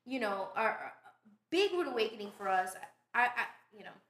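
Lively New woman in echoey room. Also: a little high, normal speed. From Brooklyn, New York. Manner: animated storytelling, laughs often. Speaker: podcast guest. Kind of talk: casual interview chat. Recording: roomy echo.

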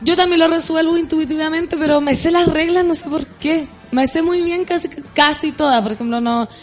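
A woman's voice: high voice, steady tone, fairly quick, soft background music. A Chilean woman hosting a radio show, chatting playfully and explaining things at length. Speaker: radio host. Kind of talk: casual radio chat.

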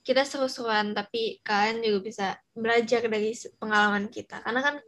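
Teenage female, high-pitched, soft non-rolled R, slangy casual co-host chat, bits of English. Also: fairly even intonation, a little fast. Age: teens. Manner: chatty, informal, slang with English mixed in. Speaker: podcast co-host.

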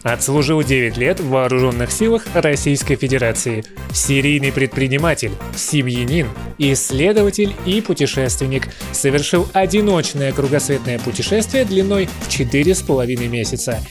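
An announcer reading a scripted guest introduction, slow and emphatic on the key phrases. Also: mid-range voice, over music. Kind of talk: scripted introduction over music.

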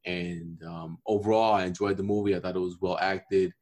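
A man co-hosting a casual podcast, talking in a measured, thoughtful way with many fillers. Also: low-pitched, flat delivery, darkish tone. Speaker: podcast co-host. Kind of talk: casual chat.

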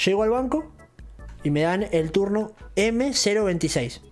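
A man's voice: high-pitched, moderate pace, soft background music. A young man with an Argentine accent, casually telling a long, rambling story and acting out what people said. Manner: rambling, animated retelling with acted quotes. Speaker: channel host.

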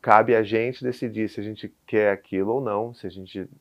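A man's voice: lowish voice, moderate pace, muffled recording. Brazilian man telling a story animatedly. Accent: Brazilian Portuguese. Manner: animated storyteller, acts out dialogue. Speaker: podcast guest, father of four. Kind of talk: casual chat.

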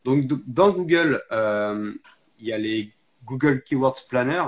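Male guest, casual explainer with frequent "euh" pauses, mid pitch. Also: expressive. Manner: explains step by step, lots of hesitations. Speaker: SEO guest. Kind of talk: casual interview talk.

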